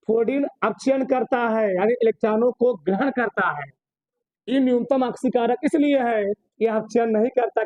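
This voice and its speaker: The recording is muffled, with no room sound, as a man with a very high but darkish voice teaches chemistry in Hindi. In this classroom lecture he keeps posing questions, answers them himself, and repeats key terms for emphasis.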